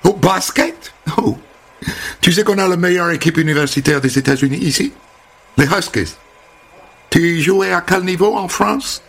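A woman's voice: on the low side, breathy edge, pitched above the performer's own voice, heavily acted. A man voicing a bubbly, chatty American woman hairdresser with squealing exclamations.

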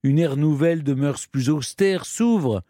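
A man telling a history story in measured, scripted narration with dramatic pauses. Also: a little high, animated, warm tone, no echo, clean studio sound.

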